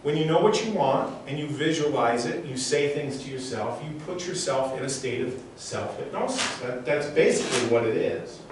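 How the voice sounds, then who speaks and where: A man's voice: mid-range voice, expressive, normal speed, few pauses. A man performing as a mind reader on stage, intense and emphatic, repeating phrases and giving commands as he talks to a live audience. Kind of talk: live stage show, motivational talk with audience demonstration. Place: large echoey room before a live audience. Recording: very echoey room, distant mic, faint noise.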